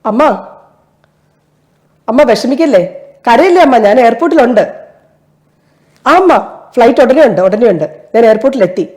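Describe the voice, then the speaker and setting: A woman's voice: on the high side, animated, moderate pace, long pauses, darkish tone, lightly acted. A woman performing a one-person stage monologue as a desperate stranded traveler at an airport, pleading in a tearful, breaking voice. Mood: soothing, anxious.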